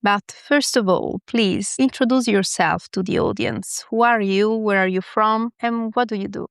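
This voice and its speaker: A woman's voice: mid-range voice, normal speed, creaky, no room sound, studio quality. A woman hosting an interview as an Italian teacher, asking polished, prepared questions. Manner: polished, warm scripted questions.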